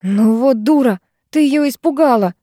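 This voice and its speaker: A woman's voice: a little high, expressive, moderate pace, warm tone, dry recording, studio quality. A woman reading an audiobook, voicing a bold, bossy teenage girl who scolds the others. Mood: scolding. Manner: brash, scolding.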